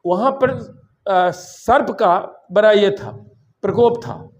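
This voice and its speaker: A man's voice: sits high, slow pace, lo-fi sound. An older man from Bihar, a university vice-chancellor, giving a rambling, story-filled seminar speech and slipping into English phrases. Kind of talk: public lecture speech.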